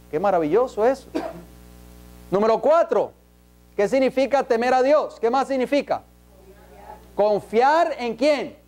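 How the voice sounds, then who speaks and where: A man's voice: very high voice, mellow. Man, preacher, emphatic sermon, rhetorical questions, church. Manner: emphatic, asks the congregation many rhetorical questions.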